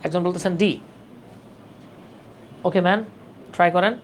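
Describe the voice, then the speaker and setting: The grammar teacher talks at a normal speed with medium pitch and fairly even intonation, over a little hiss or hum. Teaching a live online class for job exam prep, the teacher repeats points patiently and keeps confirming that students follow.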